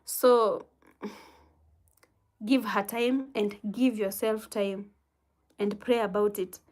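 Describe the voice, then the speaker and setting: Speaking in a mid-range, steady voice, a Kenyan woman reads comments from her livestream audience. She responds with soft laughter and unhurried, kindly advice in a casual setting.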